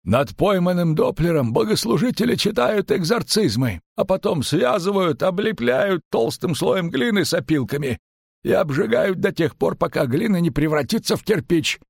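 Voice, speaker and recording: A man voicing a fussy, anxious male innkeeper in a storybook, with a much higher, shrill, fretful voice. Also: big pitch swings, moderate pace, gravelly, dry recording, clean studio sound, exaggerated voice. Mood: explaining.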